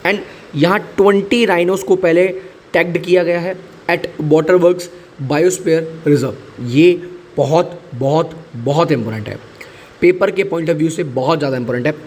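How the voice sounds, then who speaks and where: A man's voice: on the high side, a little slow. Chatty Hindi exam-prep teacher, man. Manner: chatty, mixes English into Hindi, repeats key points. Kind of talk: explaining current affairs to students.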